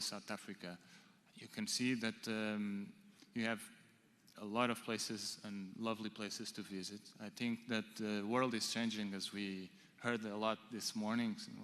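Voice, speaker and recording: Flat-voiced man, halting panel answer. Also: fairly low pitch. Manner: halting, many restarts. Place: large conference hall. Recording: reverberant conference hall.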